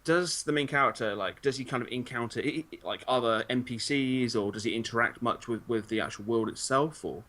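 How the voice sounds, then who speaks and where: A man's voice: medium pitch, brisk, few pauses, a bit bright. A man interviewing game developers in a casual, joking way, full of "like" and "you know". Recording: faint background noise.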